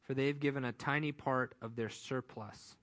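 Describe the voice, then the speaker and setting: A man preaching a sermon as pastor, telling stories in a conversational, animated way. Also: medium pitch, normal speed.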